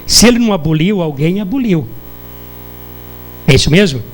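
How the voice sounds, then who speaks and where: A Brazilian preacher with a high, lifted voice, delivering a sermon in church. He keeps turning to the congregation with rhetorical questions and pauses for them to answer. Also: lively intonation, rough recording. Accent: Brazilian Portuguese.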